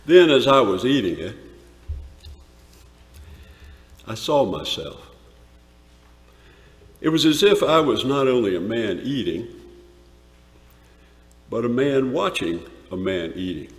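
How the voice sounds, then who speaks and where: A man with a mid-range, very animated voice performs a theatrical dramatic monologue as a rough shepherd vividly recalling a wondrous night he found awe-inspiring. He delivers it emphatically, with dramatic pauses, swelling from hushed tones to shouts. It's a live performance in a large church, with an echoey hall and long reverb.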